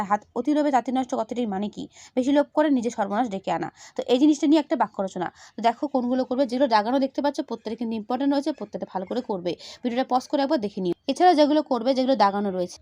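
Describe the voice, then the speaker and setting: Fast-talking woman teacher, dry close sound. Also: a little high, a little mellow, dry recording. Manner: direct, addresses students, repeats "thik ache". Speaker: teacher giving exam tips. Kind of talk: casual video lesson.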